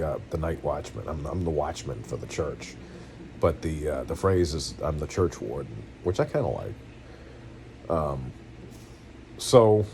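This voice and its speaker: Deep-voiced weary New England man venting. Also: a little mellow, a little hiss or hum. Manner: halting, rambling, tearful and earnest. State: weary and in pain, close to tears. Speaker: vlogger. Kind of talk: emotional personal venting. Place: at home, seated.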